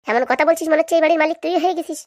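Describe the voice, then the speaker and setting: A woman voicing a bitter, quarrelsome young woman in a comic cartoon, given to loud cursing rants. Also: high-pitched, racing, no echo, studio quality, close to an everyday voice. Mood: defiant. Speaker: cartoon voice actor.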